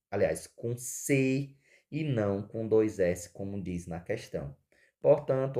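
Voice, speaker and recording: Man, teacher, exam walkthrough, warm mellow tone, repeats key words, asks and answers his own questions. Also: lowish voice.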